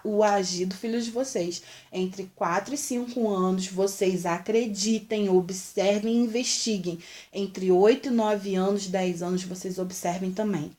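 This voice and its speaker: A woman's voice: mid-range voice, a little mellow. A young woman with a Brazilian accent talks straight to mothers, earnest and repetitive as she pleads with them. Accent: Brazilian Portuguese. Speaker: vlogger. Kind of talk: heartfelt direct-to-camera talk.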